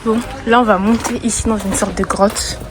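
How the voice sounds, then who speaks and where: A woman's voice: medium pitch, fairly even intonation, moderate pace, noisy background. A woman in her twenties talks casually to viewers while walking around outdoors with a handheld phone camera, chatting and making self-conscious asides. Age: 20s. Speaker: travel vlogger. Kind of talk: casual solo travel vlog. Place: outdoors, walking through parks and streets.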